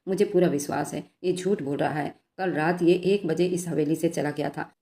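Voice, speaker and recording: A woman's voice: low voice, steady tone, normal speed, gravelly, warm tone. A woman voicing a jealous young woman who accuses angrily. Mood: accusing. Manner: accusing, then wheedling.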